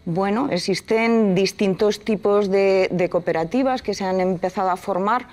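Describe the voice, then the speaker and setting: Seated in a leather armchair in a TV studio, a Spanish woman in her forties from Castilla-La Mancha speaks as an environmental activist guest. Her mid-range, slightly mellow voice moves at a moderate pace as she explains earnestly, using many fillers.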